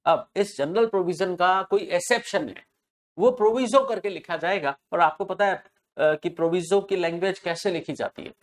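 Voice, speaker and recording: A man's voice: sits high, moderate pace. Man lecturing on tax, repeating key points. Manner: asks rhetorical questions and answers them, repeats key terms. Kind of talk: classroom lecture.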